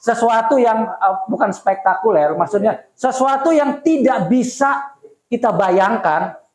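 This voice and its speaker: A male pastor preaching a sermon at a church service, telling stories in a conversational, animated way. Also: sits high, measured pace, echoey room, poor audio.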